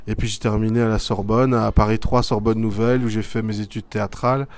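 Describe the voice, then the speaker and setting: In a school media interview, a middle-aged man from Belgium who works as a theatre artist and teacher gives reflective answers full of hesitations. He talks fast, with a lowish voice and a level tone.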